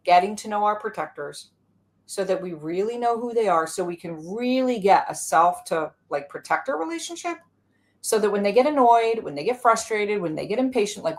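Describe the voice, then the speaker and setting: Woman guest, mid-pitched, casual explainer, leans on "like" and "right?". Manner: casual, many "like" and "right?" checks. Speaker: guest, inner-healing teacher. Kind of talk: conversational explanation in an interview.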